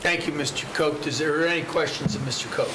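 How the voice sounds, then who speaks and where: A man's voice: a little high, brisk. A man chairs a formal public meeting with a courteous, procedural manner, calling up speakers. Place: indoor public meeting chamber. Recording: echoey meeting room with clear background noise.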